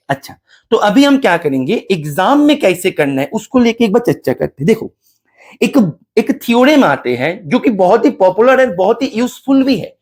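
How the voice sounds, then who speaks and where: Man, math teacher, lively pitch, step-by-step lecturing. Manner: explains step by step, addresses students as beta, mixes English terms. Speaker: mathematics teacher. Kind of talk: exam-solution math lecture.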